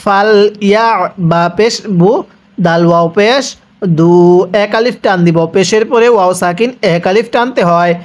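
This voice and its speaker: A man teaching Quran recitation, explaining quickly and then drawing out each word slowly for students to repeat. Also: high-pitched. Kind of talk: spelling-out recitation lesson.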